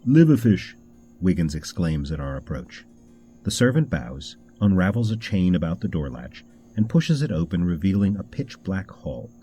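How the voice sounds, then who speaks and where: A man narrating a mystery game script in a measured, descriptive storytelling manner. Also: low-pitched, dark tone.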